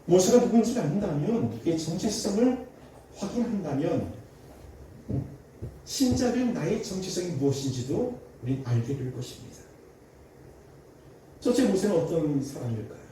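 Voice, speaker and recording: A middle-aged pastor delivers a sermon, acting out the voices in his story and sometimes shouting in a raised voice. His voice is dark and mellow. It echoes through a church sanctuary and is picked up from some distance. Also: high-pitched, very animated, moderate pace, long pauses, a little hiss or hum. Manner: acts out dialogue in a story, shouting angrily in a raised voice.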